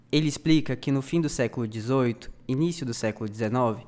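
A man narrating a history podcast from a script, clear and didactic, addressing the listener directly. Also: mid-range voice.

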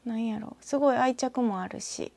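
A woman with a Kansai accent, her voice a touch high and creaky, with a dark, mellow tone. She talks in a rambling, reflective way and lets her asides drop to near whispers. The recording is dry and close. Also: moderate pace, no echo. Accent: Kansai, northern Osaka. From northern Osaka, Japan. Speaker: podcaster. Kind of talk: casual solo talk with a short reading.

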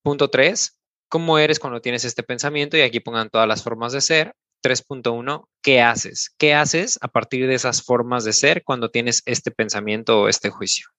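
A man's voice: medium pitch, normal speed, pushed and bright, no echo. Mexican man guiding listeners step by step. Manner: explains step by step, tags sentences with "¿no?". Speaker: podcast co-host and coach. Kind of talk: instructive podcast talk.

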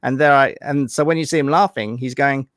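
A man's voice: mid-range voice, fairly bright tone, dry recording, studio quality. A man, a puppeteer guest, chatting easily in an interview with many fillers. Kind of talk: casual interview chat.

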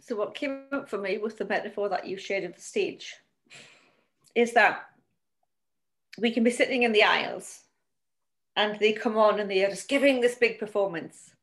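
A woman of middling pitch who co-hosts a relaxed conversation over a video call. She speaks in a gentle, reflective manner, letting her thoughts unfold in easy sentences. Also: moderate pace, long pauses. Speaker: co-host and coach. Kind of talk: casual conversational podcast.

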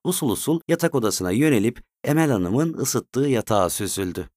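A man narrating a story in a steady, measured way. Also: mid-range voice, dry recording, studio quality.

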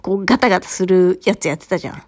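A woman's voice: lowish voice, racing. A woman in her thirties, co-hosting a casual podcast chat and telling stories with frequent laughs. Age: 30s. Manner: animated storyteller, laughs often. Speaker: podcast co-host.

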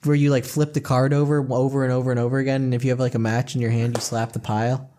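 A man of middle pitch co-hosting a comedy podcast. He rambles along with many fillers and delivers his jokes deadpan in loose, casual chat. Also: fast. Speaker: podcast co-host.

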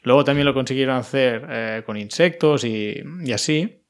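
A man's voice: mid-range voice, normal speed, clean tone. A man from Spain co-hosting a podcast, chatting casually, asking questions and laughing often. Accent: Spain Spanish. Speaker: podcast co-host. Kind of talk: casual chat.

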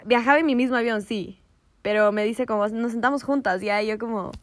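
A woman telling a story in casual chat, animated and laughing, dropping in English slang. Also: on the high side, fairly quick, dry recording.

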